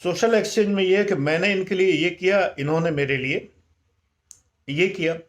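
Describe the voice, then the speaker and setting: Older man, measured advice talk, English words mixed in, somewhat high pitch. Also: lo-fi sound. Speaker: life management speaker.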